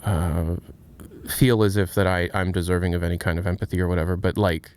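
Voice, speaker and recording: A man's voice: sits low, flat delivery, fairly quick, clear, resonant tone. A man in his late twenties, streaming and answering chat in a candid, reflective way, often restarting his sentences. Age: 20s. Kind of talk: casual livestream chat, answering chat.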